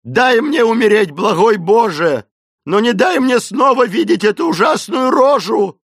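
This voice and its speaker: A panicked old servant woman cries out in a shrill, strained voice pitched far above her reader's own, loud and sobbing through every plea, as a man puts her on. She sounds close and dry, with no room around her in this storybook reading. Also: expressive, measured pace, breathy edge, no room sound, exaggerated voice. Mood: hysterical. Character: hysterical elderly woman servant, terrified and wailing. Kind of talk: audiobook character voice.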